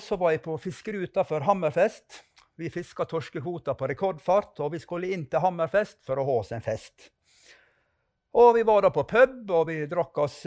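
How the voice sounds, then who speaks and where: A man's voice: on the high side, darkish tone. A man giving a spoken testimony and a fervent prayer as a preacher on a podcast.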